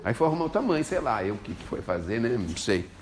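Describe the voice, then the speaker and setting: A Brazilian man delivers an informal spiritual lecture, joking with and questioning his audience. His pitch sits in a middle range but leaps and falls expressively. Faint background noise sits under his voice. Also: fast. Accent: Brazilian Portuguese. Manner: jokey, animated, chats with listeners.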